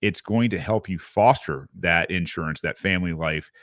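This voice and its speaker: A man with a very deep voice hosts a podcast interview. He asks long, meandering questions padded with fillers. The recording is dry, with no room sound. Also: normal speed, a bit bright, no echo. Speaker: podcast host.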